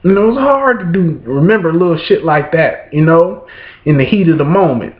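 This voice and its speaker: Profane rambling man, high voice, vlog rant; muffled, lo-fi webcam sound. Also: lively intonation, moderate pace. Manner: rambling, swears constantly, keeps asking "you know what I'm saying". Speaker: vlogger. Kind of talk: profane ranting monologue. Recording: roomy, dull lo-fi room sound.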